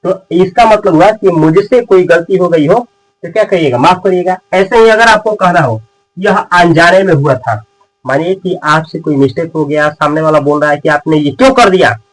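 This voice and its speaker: A man teaching spoken English in Hindi who repeats each English sentence slowly and word by word, then translates it, and calls the viewer friend and brother. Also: on the high side, low-quality recording. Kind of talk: Hindi-medium English lesson.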